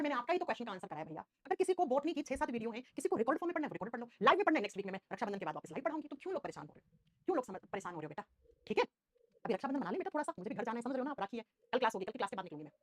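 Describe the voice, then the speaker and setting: A woman teaching a live online class at a rapid clip, her voice high and bouncing all over. She keeps coaxing her students and fires quick questions at them. The sound is close and dry. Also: dry recording.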